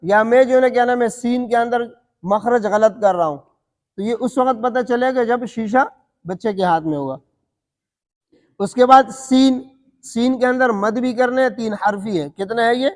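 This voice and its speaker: A man teaching Quran recitation rules, asking his students questions and answering them himself, and stretching out letter sounds to show them. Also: extremely high pitch. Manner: demonstrates letter sounds slowly. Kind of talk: tajweed lesson. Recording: long hall reverb.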